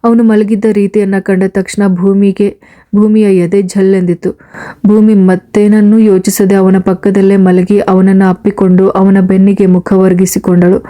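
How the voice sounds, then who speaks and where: A woman narrating a serialized audiobook story in a steady, even storytelling manner. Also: medium pitch, moderate pace.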